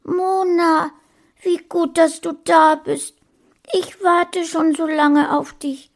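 A woman's voice: level tone, takes it slowly, heavily acted. A woman reading a storybook voices a frightened little boy who is crying. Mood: pleading. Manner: high, pleading, tearful.

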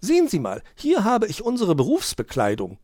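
A man doing a shrill bossy magpie lady. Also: huge pitch swings, moderate pace, a little mellow, no room sound, clean studio sound, full character voice. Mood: bossy, mocking. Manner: teasing, scolding, know-it-all. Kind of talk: storybook reading.

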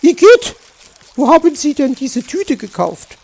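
A man voicing a sharp-tongued, cheeky female magpie in a children's audiobook, shrill and scolding. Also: very animated, moderate pace, creaky, slightly rough, heavily acted.

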